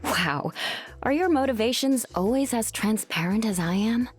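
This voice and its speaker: A woman's voice: a little high, lively intonation, moderate pace, slightly rough. A woman voicing a confident, caring superhero mother in a video game, composed and wry. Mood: wry, teasing. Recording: music behind.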